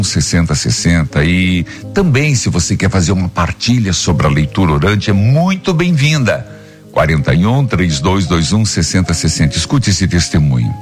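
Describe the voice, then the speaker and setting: A man, a priest hosting a live radio program, preaching to listeners with fervent, scolding exhortations in a husky voice. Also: low-pitched, sing-song, normal speed, faint music behind.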